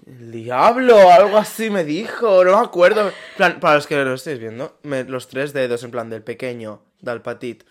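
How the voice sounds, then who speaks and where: A young man, co-hosting a casual podcast and telling stories in an animated way, laughing often. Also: on the high side, moderate pace. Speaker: podcast co-host. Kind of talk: casual chat.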